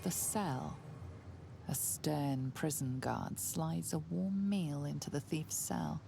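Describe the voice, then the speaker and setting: A woman voicing a grave narrator in a video game, reading scripted narration in a slow, measured way. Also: low voice, gravelly, music in the background, heavily acted. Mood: solemn. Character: stern, grave female storybook narrator.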